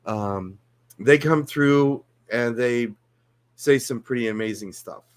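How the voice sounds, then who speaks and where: Man, interview guest, medium pitch, calm, explanatory, casual answers. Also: slow pace. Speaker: guest channeler.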